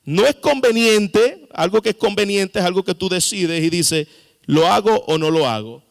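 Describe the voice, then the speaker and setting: A man's voice: high voice, lively intonation, moderate pace, gravelly. A man preaching a sermon as pastor, with sudden emphatic rises and questions to the congregation. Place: church sanctuary. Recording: long reverb of a church hall.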